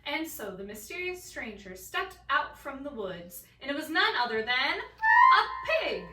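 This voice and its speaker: A woman narrating a bedtime story in a family stage play, with storybook pauses. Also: high voice, sing-song, music in the background. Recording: roomy, distant mic.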